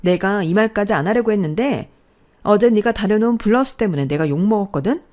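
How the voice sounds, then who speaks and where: A woman voicing a spoiled, bratty young woman announcer who whines and scolds her older sibling in a shrill voice. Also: very animated, normal speed, darkish tone. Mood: scolding.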